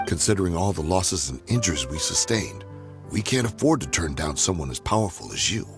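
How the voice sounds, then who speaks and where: A man voicing a grizzled mercenary in a video game with a gravelly voice. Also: sits low, very animated, fairly quick, over music. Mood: grim.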